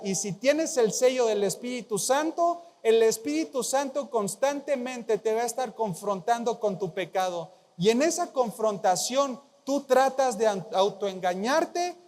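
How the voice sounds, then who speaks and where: Slow, high-voiced pastor preaching. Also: male voice, a little mellow, in a large hall. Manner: emphatic, repeats key phrases, prompts congregation responses. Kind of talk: sermon. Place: large church hall.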